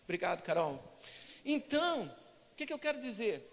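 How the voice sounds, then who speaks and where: A high-voiced male pastor with a Brazilian Portuguese accent preaches at normal speed in a reverberant church sanctuary, with a little hiss or hum present. In his lively sermon he acts out prayers and dialogues and asks the congregation for responses.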